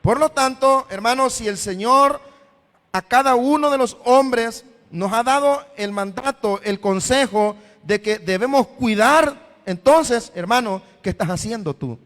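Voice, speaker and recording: In an extremely high, slightly bright voice and at a measured pace, a man delivers a sermon as pastor. He often says brother to his listeners and voices their imagined questions, his words echoing with long reverb in a church hall.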